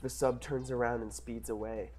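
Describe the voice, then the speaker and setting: A man's voice: medium pitch, flat delivery, normal speed, a little mellow, faint music behind. A man reading scripted action narration at a casual comic table read.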